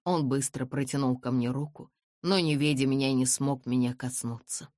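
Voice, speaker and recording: Calm, measured audiobook narrator. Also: mid-range voice, no room sound, clean studio sound. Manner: calm, measured storytelling, softer in the heroine's replies. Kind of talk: scripted first-person narration of a classic novel.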